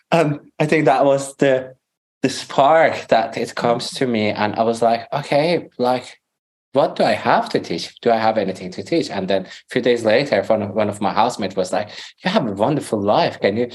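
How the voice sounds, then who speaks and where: An Iranian man whose first language is Farsi tells his story as a guest in a conversational podcast interview. His voice is mid-range, and he's animated, acting out his own past dialogue and laughing often.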